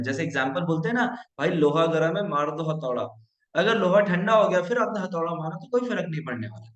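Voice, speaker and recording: A man's voice: high-pitched, a bit bright, reverberant, low-quality recording. A middle-aged man giving a training lesson, explaining and demonstrating word pronunciations, mixing English phrases into his talk. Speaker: trainer and consultant.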